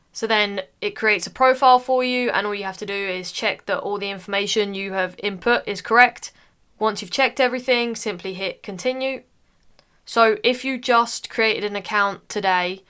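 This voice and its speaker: In this casual walkthrough, a young British woman talks her way through an online form, saying "uh" often. She narrates the screen recording in a mid-range voice that's smooth and a bit bright.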